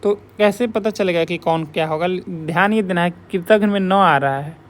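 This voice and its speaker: High-voiced male tutor explaining exam answers. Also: moderate pace. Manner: explains step by step, repeats key points to remember. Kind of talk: exam question walkthrough lesson.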